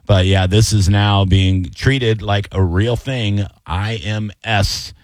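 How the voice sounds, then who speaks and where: A man's voice: lowish voice, fairly even intonation, takes it slowly, no room sound. A middle-aged man hosting a radio call-in show, joking casually with his co-host and callers. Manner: laid-back, joking, calls people bro and dude.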